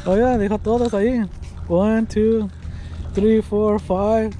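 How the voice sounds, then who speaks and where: Chatty man vlogging outdoors, high voice. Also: steady tone, slow pace, dark tone. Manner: rambling, chatty, talks to viewers as "boys". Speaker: fishing vlogger. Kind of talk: casual vlog narration. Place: outdoors, driving then on a waterfront pier. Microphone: action camera. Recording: action camera audio with clear outdoor noise.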